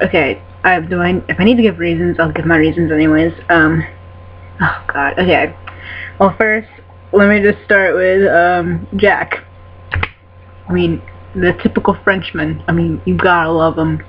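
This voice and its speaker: A woman answering fan questions in a casual vlog, excitable and giggly, rambling with lots of fillers and casual swearing. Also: lowish voice. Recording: dull lo-fi sound with faint hum.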